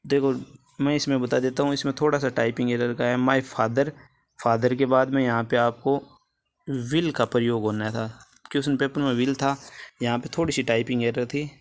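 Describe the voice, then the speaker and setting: Using Hindi, a medium-pitched man walks students through English grammar answers for an exam, one step at a time. He repeats the important words and keeps checking that his students are following.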